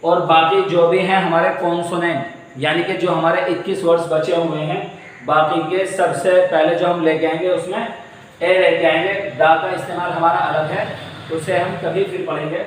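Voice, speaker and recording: A man's voice: on the high side, little pitch movement, moderate pace, a little hiss or hum. A man teaching English grammar in a classroom, explaining patiently, repeating points and posing questions to his students. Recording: echoey room from far off.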